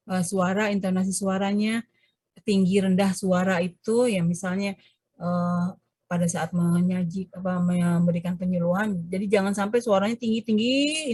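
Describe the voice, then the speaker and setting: A woman lecturer teaching an online class over a video call. She explains at length with many hesitations and self-corrections, and changes her pitch to act out examples. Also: dry recording. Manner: animated, shifts pitch to demonstrate examples. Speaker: university lecturer.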